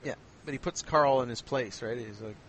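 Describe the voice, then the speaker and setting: A man's voice: mid-range voice, moderate pace, fairly bright tone, slight background noise, rough recording. A man in casual conversation, talkative, often laughing and acting out quotes. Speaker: conversation guest. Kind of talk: casual chat.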